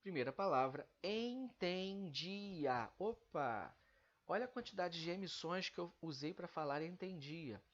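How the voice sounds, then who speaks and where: A man's voice: a little high, expressive, moderate pace, fairly bright tone. Man teaching a grammar lesson, lo-fi. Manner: explains step by step, stretching out example words.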